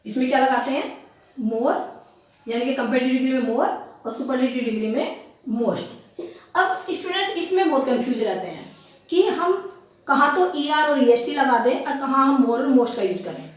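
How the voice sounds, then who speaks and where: A woman teaching an English grammar lesson in Hindi, explaining slowly and repeating each example word. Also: high voice, animated. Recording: echoey room, voice from a distance.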